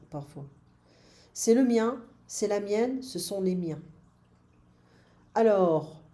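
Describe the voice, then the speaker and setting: A woman's voice: mid-range voice, mellow. A woman teaching French grammar, drilling forms patiently and adding short English glosses. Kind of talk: online French grammar lesson.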